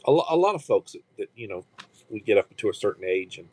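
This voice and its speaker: Low-pitched, husky, and a little mellow, this sixty-something man sounds very animated as he hosts a casual livestream. He wanders from point to point, stopping and starting again and filling gaps with filler words.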